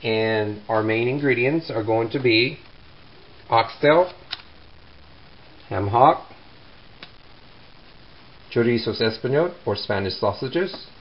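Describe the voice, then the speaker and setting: A man hosting a casual home cooking demonstration, talking in unhurried short phrases with pauses. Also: medium pitch, highs cut off. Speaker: home cooking show host. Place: home kitchen. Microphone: handheld camera mic, off screen. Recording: clear background noise, sizzling pan.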